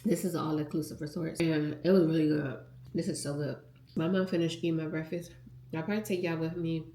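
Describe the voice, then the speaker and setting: Talking fast in a low, mellow, fairly even voice, this young travel vlogger sounds stuffed-up and nasal. She's at a resort on vacation, chatting casually to her phone camera and calling viewers "y'all," with an echoey room and slight background noise.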